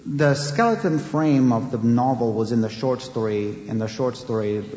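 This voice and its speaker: A man's voice: mid-range voice, moderate pace, dark tone. A man who grew up in Afghanistan, speaking as an author being interviewed, thoughtful and hesitant with many fillers and restarts. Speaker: author, guest. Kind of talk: interview conversation. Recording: roomy, dull with long reverb.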